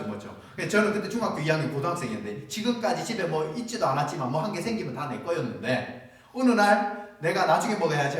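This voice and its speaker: Animated pastor preaching in an echoey church. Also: male voice, fairly high pitch. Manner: animated storytelling, acting out scenes with chuckles. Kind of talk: sermon. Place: church sanctuary. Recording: echoey church hall, voice from far off.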